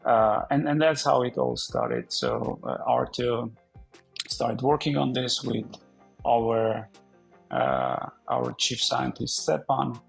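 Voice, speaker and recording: Gravelly, husky man on a video call. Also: mid-range voice, animated, takes it slowly, faint music behind, poor audio. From Armenia. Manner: conversational, frequent fillers and restarts. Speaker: podcast guest, company founder. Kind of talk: casual interview talk. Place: indoor room.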